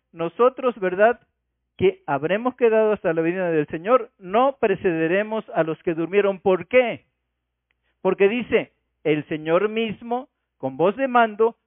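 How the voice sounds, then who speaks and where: A man's voice: high voice, dry recording. A man preaching a Sunday sermon, expounding scripture and asking rhetorical questions. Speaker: pastor. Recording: tinny phone-like radio sound.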